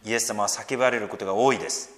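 A man preaching a sermon as pastor, lively and expressive, raising his voice when he quotes and slipping in gentle joking asides. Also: lowish voice, racing. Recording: long hall reverb.

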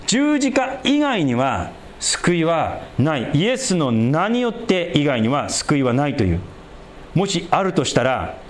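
A man preaching a sermon and leading a prayer, stressing key words by stretching them out slowly and dropping low and quiet at the ends of phrases. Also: slight background noise. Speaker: pastor.

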